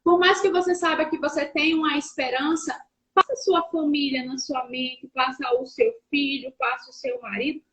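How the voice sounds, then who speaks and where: A woman in her thirties with a high voice tells an emotional religious testimony, earnest and heartfelt. Her voice breaks now and then as she speaks, heard through a video call. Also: steady tone, moderate pace, fairly bright tone, poor audio. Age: 30s. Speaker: guest sharing testimony.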